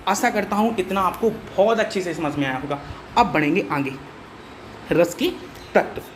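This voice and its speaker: A man's voice: high-pitched, animated, moderate pace, a little hiss or hum. A man teaching a lesson for exam preparation, chatty and reassuring, often checking that his students follow along. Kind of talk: exam-prep lecture.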